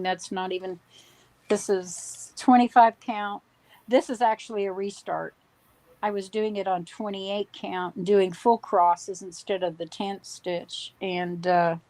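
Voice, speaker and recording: A woman's voice: mid-range voice, darkish tone, no room sound. A woman in her sixties from Wisconsin chatting on a live stream while she crafts, rambling and correcting herself as she goes. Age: 60s. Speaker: livestream crafter. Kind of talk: casual chat.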